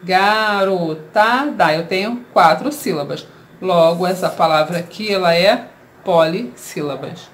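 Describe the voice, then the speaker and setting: A woman with a Brazilian Portuguese accent teaching a children's grammar lesson, explaining slowly and asking rhetorical questions. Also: fairly low pitch, a little hiss or hum.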